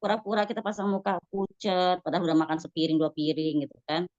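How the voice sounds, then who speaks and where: Lady teaching a religious study group, lowish voice, lively, dull dry lo-fi sound. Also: fast talker, dry recording. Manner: lively, acts out voices in quoted speech. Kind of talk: casual religious study talk.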